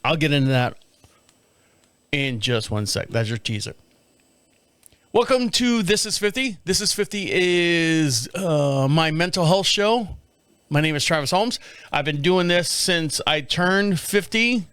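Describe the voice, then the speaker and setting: A man's voice: fairly high pitch, expressive, unhurried, a bit bright, smooth, no room sound. A man in his fifties hosting a solo podcast from a studio, rambling and repeating himself, laughing often. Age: 50s. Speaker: podcast host. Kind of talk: casual solo monologue.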